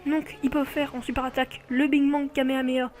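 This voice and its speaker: A woman's voice: high voice, flat delivery, fairly quick, faint music behind. A woman hosting a casual video showcase of game cards, chatting and often correcting herself mid-sentence. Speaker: video host.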